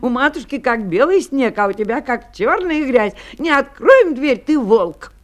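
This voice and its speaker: A woman voicing a group of little young goat kids from a folk tale, high and eager. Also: animated, unhurried. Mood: excited.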